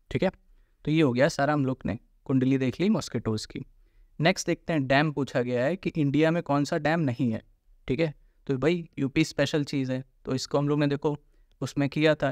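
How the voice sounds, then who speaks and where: Male coaching teacher, mid-pitched, casual explanatory delivery, dry close mic. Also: darkish tone, dry recording. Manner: informal, repeats tag questions, mixes English terms.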